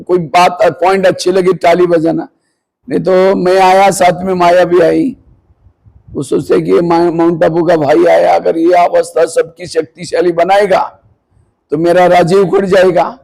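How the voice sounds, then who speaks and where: A spiritual teacher's high-pitched, gravelly, slightly mellow voice comes through a rough recording as he speaks to a live audience in a meditation hall. His discourse is earnest and full of rhetorical questions, with occasional scolding of drowsy listeners.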